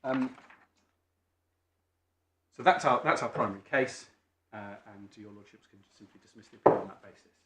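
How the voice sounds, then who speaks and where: A British man making formal legal submissions as a barrister, deferential and learned, often halting and repeating his phrases. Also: medium pitch. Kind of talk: formal courtroom legal argument. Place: indoor courtroom. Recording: echoey courtroom with faint background noise.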